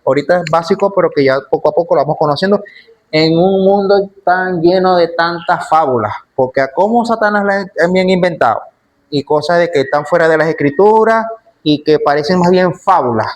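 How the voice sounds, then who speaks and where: A man's voice: a little high, a little fast. A man teaching a church Bible class in an emphatic way, often repeating his key phrases.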